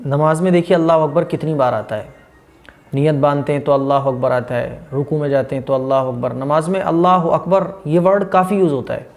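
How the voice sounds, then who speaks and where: A man with a Hyderabadi Urdu accent giving a religious lesson on correct prayer pronunciation, stretching out model recitations slowly between explanations. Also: a little high, a little mellow. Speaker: Islamic teacher.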